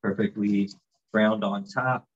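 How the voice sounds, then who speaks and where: Man, chef, lowish voice, relaxed chatty explaining, muffled lo-fi sound. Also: slow. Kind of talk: casual cooking demonstration.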